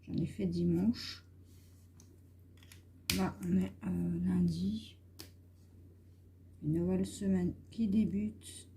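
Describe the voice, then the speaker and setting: Slow, mellow-voiced woman chatting while coloring. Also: on the low side, steady tone, vocal fry, slight background noise. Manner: hesitant, many fillers, talks while coloring. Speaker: vlogger. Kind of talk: casual coloring vlog chat.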